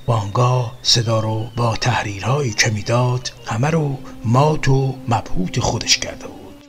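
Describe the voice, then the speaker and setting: Male narrator, middle pitch, measured storytelling read, faint music bed underneath. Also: a bit bright.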